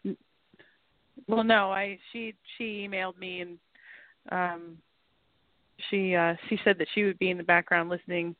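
A woman's voice: on the low side, level tone, moderate pace, long pauses, no echo, phone-quality sound. Lady panelist just chatting, kinda hesitant n repeats herself, dry phone audio. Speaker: panelist on a talk show. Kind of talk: casual chat.

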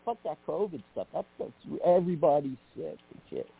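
A man's voice: on the high side, big pitch swings, fairly quick, vocal fry, slight background noise. A man calling in to a radio show over a phone line, rambling and scattered, swearing casually. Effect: heard over a phone line into a radio show. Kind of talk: casual call-in chat.

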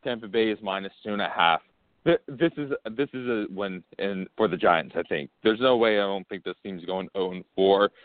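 A man's voice: sits low, moderate pace. A man co-hosting a sports talk show, hesitant and repeating words as he gives his picks. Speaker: sports radio co-host. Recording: phone-like line.

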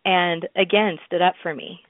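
A woman's voice: fairly low pitch, fairly even intonation, normal speed, dry recording. A woman guest in an interview, telling stories in a chatty way with many fillers and restarts. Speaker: interview guest, music promoter. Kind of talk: casual interview talk. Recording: tinny phone line.

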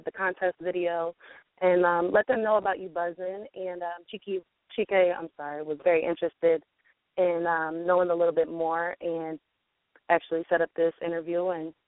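A woman's voice: fairly low pitch, fairly even intonation, moderate pace, dry recording. A woman comes through a narrow, phone-like line that sounds dry and close. She is a marketing guest on a radio interview. She talks in a loose, chatty way, with frequent ums. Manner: chatty, with many ums and fillers. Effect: heard over a phone line. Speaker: guest from a music platform's marketing team.

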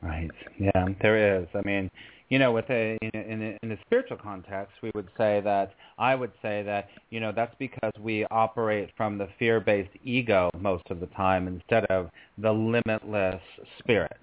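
A man's voice: fairly low pitch, steady tone, normal speed. Phone-band male radio host, effusive. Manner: effusive, repeats phrases for emphasis. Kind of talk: chatty live radio hosting. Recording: phone-like band, roomy echo.

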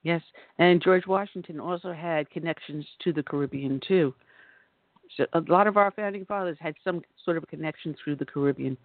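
A man's voice: on the high side, fairly quick, no echo. A man co-hosting a radio talk show, chatty and laughing while telling stories. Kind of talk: casual radio chat. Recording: tinny phone-like line, dry.

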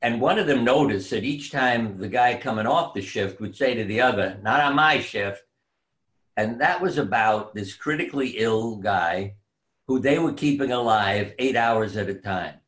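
Unhurried storytelling male surgeon guest. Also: medium pitch. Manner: unhurried, reflective, drifts into soft quiet tones. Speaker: surgeon and author, interview guest. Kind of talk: conversational storytelling.

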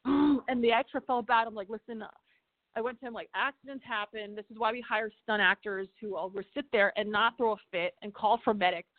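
A woman, an actress and stunt performer, telling animated stories from film sets in a casual interview, swearing and acting out quotes. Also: on the high side, fairly quick, no echo. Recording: dry thin phone-like sound.

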